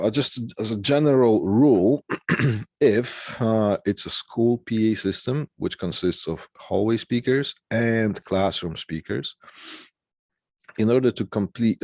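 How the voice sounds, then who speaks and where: A man with a fairly deep, slightly mellow voice, recorded close and dry with no echo or room sound. He talks like an instructor going through technical slides, explaining in an informal, halting way and dropping small check-ins to make sure the listener is keeping up.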